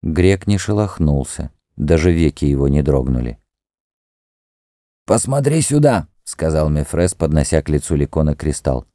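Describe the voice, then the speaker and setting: A man narrating an audiobook in a measured, even reading. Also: rumbling low, no echo, studio quality. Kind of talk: scripted narration.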